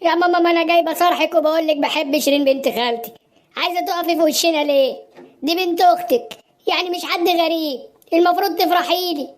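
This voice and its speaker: A woman's voice: extremely high pitch, fast. A woman voicing a stubborn young man in a cartoon, pleading and insisting with an Egyptian Arabic accent. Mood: insistent.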